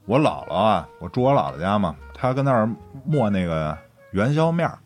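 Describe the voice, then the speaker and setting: A man's voice: fairly low pitch, very animated, a little fast, faint music behind. A man with a Beijing accent, a podcast co-host rambling through a personal anecdote in casual chat, swearing and laughing often.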